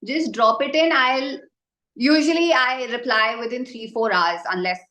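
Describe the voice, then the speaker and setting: A woman with an Indian accent teaches a live online baking class informally, chatting as she answers the group's questions and often speaking to them directly. Her voice is a little high, bright and forceful, at normal speed. The recording sounds roomy and echoing.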